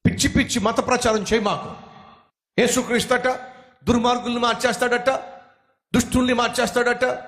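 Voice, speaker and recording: A man's voice: very high voice, huge pitch swings, racing, voice pushed up, full character voice. A man voicing an angry, hostile young man who mocks and threatens a preacher. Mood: angry shouting. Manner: shouting, threatening, mocking.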